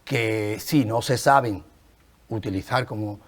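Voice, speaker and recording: A man's voice: fairly low pitch, a little slow. A man with an Andalusian Spanish accent, a former football coach, speaking as a guest on a talk show and repeating his points for emphasis.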